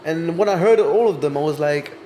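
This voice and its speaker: Young male artist guest, twenties, hesitant and reflective, slightly high voice. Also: fairly quick, dark tone, a little hiss or hum. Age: 20s. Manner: thoughtful, hesitant with many ums. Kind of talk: casual interview chat.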